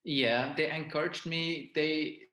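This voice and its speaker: Hesitant young Belgian man, bright and roomy. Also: on the high side, steady tone. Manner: hesitant, halting with restarts. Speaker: violinist guest. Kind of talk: interview conversation. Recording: roomy echo.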